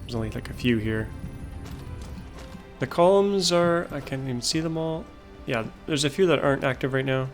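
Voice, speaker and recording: Over faint music, a man with a medium-pitched voice speaks at a moderate pace. He's hosting a gameplay video, casually thinking aloud about the production lines in his factory-building game, and says he is losing his voice.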